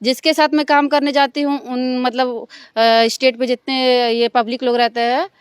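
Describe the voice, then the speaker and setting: A young woman from Bihar, answering interview questions in a casual, halting way full of fillers. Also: high-pitched, little pitch movement, clean tone, no echo, clean studio sound. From Bihar, India. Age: young adult. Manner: halting, many fillers and restarts. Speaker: stage dancer, interview guest.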